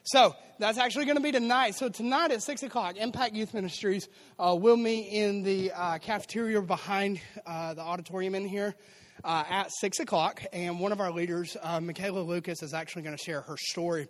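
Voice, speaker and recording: A man's voice: high-pitched, steady tone, a little fast. A man, a youth and children's pastor giving upbeat, joking church announcements. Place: church auditorium.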